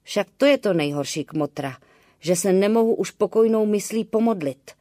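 A frightened young village bride speaks in a hushed, pleading voice from an audiobook, as a woman reader puts her on. The tone is low, close and dry. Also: fairly even intonation, no echo. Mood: lamenting.

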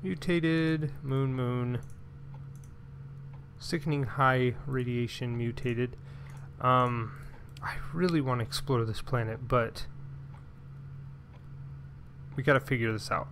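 A man's voice: medium pitch, unhurried, a bit bright, slight background noise. A man giving casual gameplay commentary, talking to himself and his pet as he plays, with mild frustrated sighs. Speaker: let's play gamer.

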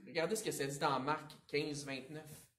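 A man with a Quebec French accent preaching a sermon as pastor, with a conversational style, informal asides and big swings between loud and quiet. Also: on the high side, fairly even intonation, moderate pace. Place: church sanctuary. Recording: roomy echo, voice picked up from a distance.

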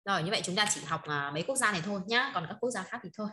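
Female teacher, rapid patter, bright tone, online class, constant check-ins. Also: mid-range voice, expressive. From northern Vietnam. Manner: checks in constantly with short tag questions, laughs often. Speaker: Chinese teacher. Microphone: online video call.

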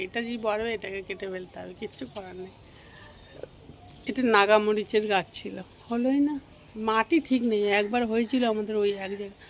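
A woman's voice: medium pitch, a little hiss or hum, rough recording. Chatty Bengali woman vlogging while cooking. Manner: chatty, talks to viewers while cooking and walking. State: unwell with a cold. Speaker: family vlogger. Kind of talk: casual vlog chat while cooking.

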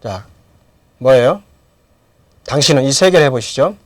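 Lively-voiced man teaching English grammar. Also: medium pitch, moderate pace, no echo. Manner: asks questions and answers them himself. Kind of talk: lecture with drills.

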